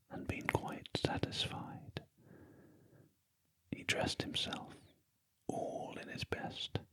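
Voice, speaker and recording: A British man reading a story aloud in a very soft, breathy ASMR whisper, gently and deliberately, close to the ear. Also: no room sound, low-quality recording. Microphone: close ASMR microphone, ear to ear.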